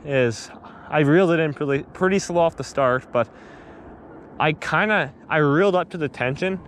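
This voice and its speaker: A young man filming himself fishing on a river shore, chatting excitedly on an action camera with lots of fillers and restarts. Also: on the high side, normal speed, a little hiss or hum. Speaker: fishing vlogger. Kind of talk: casual on-the-spot fishing commentary. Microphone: action camera on body.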